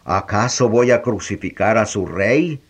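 A man's voice: lowish voice, husky. A man reading a wary Roman governor. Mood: questioning. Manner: questioning, measured.

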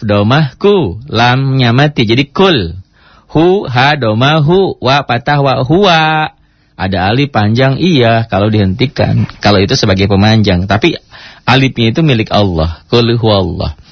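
A man with a low, husky voice gives a casual lesson on Quran recitation. He breaks off now and then to spell out letters and draw words out in slow chanted examples. The recording sounds dry and a little dull. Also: no room sound. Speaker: Islamic preacher teaching Quran recitation.

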